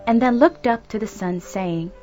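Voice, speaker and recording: A woman narrating a children's story in an expressive, animated storytelling manner. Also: a little high, normal speed. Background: background music.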